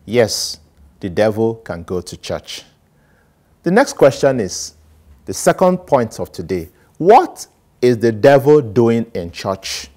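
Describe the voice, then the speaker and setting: Slow-talking priest, animated homily. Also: male voice. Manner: animated, sweeping gestures, swings between loud emphasis and low asides. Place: small studio set with plants, indoors. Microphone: lapel mic.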